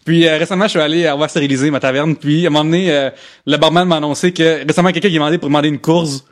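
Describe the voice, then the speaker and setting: A man's voice: on the high side, fairly even intonation, very fast. A man hosting a podcast in casual, chatty talk full of fillers. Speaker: podcast host.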